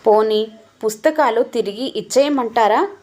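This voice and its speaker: A woman's voice: on the high side, normal speed, darkish tone, natural voice. A woman voicing a timid, hurt young wife who pleads hesitantly.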